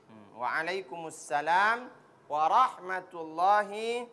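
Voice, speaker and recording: A woman's voice: fairly low pitch, expressive, slow, a bit bright. A woman teaching recitation, drawing out syllables and correcting her pupils in a call-and-response drill. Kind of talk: classroom pronunciation drill. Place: broadcast studio classroom.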